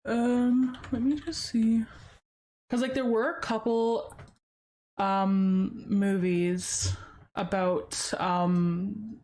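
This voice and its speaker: Chatty woman hosting a podcast. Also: medium pitch. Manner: chatty, heavy use of "like" fillers. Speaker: podcast host. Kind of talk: casual true-crime podcast chat.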